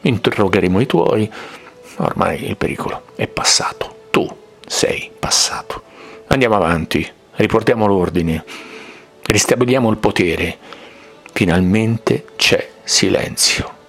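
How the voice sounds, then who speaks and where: A man voicing the high priests as one cold, self-righteous figure, in a bitter inner monologue that moves from musing to hard judgement. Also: unhurried, creaky, fairly bright tone. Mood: scornful, cold.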